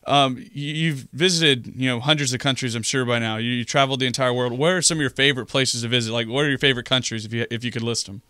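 Fast, bright-voiced young male radio host. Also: medium pitch, fairly even intonation, no echo, clean studio sound. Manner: eager, chatty, with many fillers. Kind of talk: radio studio interview. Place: small radio studio. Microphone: studio mic on boom arm.

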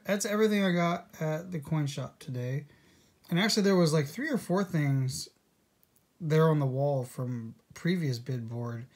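A man co-hosting a casual home video with his wife, talking in a relaxed, rambling way and restarting sentences as he thinks aloud in a room at home. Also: medium pitch. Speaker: coin-collecting vlogger, co-host with his wife. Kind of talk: casual chat.

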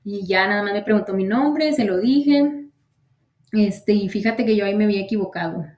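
A woman's voice: medium pitch, expressive, moderate pace, a little mellow. Chatty woman in an echoey room. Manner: chatty, retells events with quoted dialogue. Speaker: interviewee sharing her citizenship interview. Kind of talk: casual storytelling in an interview.

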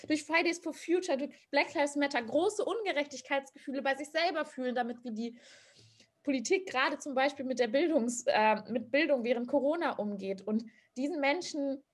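Young woman, activist, slightly high voice, lively, english phrases mixed in, video call from home. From Germany. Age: young adult. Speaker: activist, panel guest. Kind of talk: online panel discussion. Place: small room at home.

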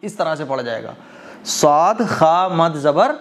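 Guy teaching quran reading, slightly high voice, walks through rules step by step then chants verses slow and stretched. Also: lively intonation. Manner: explains step by step, often checks understanding; chants verses slowly with drawn-out vowels. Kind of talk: tajweed lesson.

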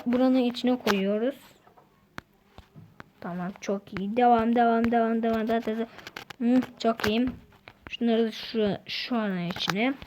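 A woman giving casual, excitable gameplay commentary, talking to herself and her viewers as she plays. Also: a little high, a little hiss or hum. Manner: chatty, excitable, talks to self and viewers. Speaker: gaming channel host.

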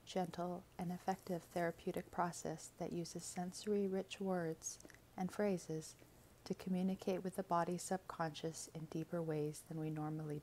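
A woman reads a scripted guided meditation in a gentle, soothing, measured manner, her phrases ending soft and breathy. Her voice is on the low side, and there's a little hiss or hum in the recording.

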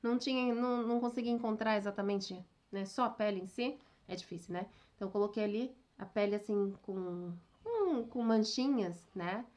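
A woman's voice: medium pitch, moderate pace, few pauses, a little mellow. A woman teaching a casual online Japanese lesson, talking chattily, checking in with her viewers often and laughing at herself.

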